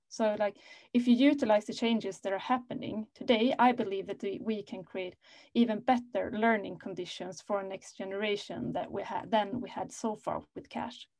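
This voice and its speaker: Speaking as a panelist and company operations head, a thirtysomething woman responds to a panel question on a laptop video call. She sounds warm and mid-range, earnest, and leans heavily on "like." No room sound is audible.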